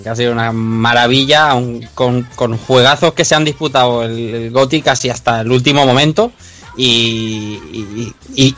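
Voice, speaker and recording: A man's voice: medium pitch, fairly bright tone. A man with an accent from Spain talking casually as a podcast panelist. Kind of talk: casual chat.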